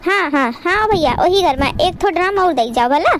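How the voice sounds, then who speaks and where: Woman doing a high, grumbling bahu for a cartoon, faint hiss behind. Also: lively intonation, normal speed, fairly bright tone. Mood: scheming. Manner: muttering complaints. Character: grumbling young daughter-in-law, scheming.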